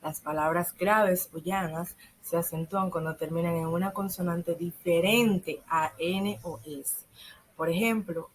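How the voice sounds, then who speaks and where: A teenage girl, a secondary school student, reading a school lesson aloud from a script and slowing down on the examples. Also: on the low side, slight background noise, poor audio. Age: teens.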